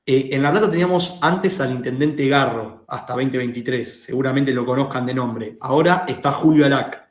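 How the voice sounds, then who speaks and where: A man's voice: mid-range voice, normal speed, reverberant. A man with an Argentine Rioplatense accent teaching a law class, explaining concepts and asking the students questions. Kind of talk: lecturing a class.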